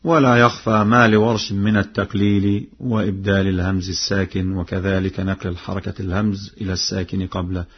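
A man teaching the variant readings of Quran verses in a measured explanatory style, now and then chanting examples slowly. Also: low voice, level tone, slightly rough, highs cut off.

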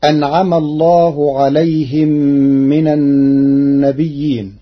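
A man teaching Quran recitation variants in a measured way, quoting each verse and then explaining it. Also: on the high side, fairly even intonation, husky. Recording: dull lo-fi recording.

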